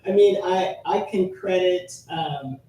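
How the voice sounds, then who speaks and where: A woman's voice: takes it slowly, warm tone, distant mic. A woman in her late thirties from Trinidad, a musician guest chatting thoughtfully on a radio show with many restarts. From Trinidad and Tobago. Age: late 30s. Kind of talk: casual interview chat. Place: radio studio. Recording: echoey studio, off-mic, faint rumble.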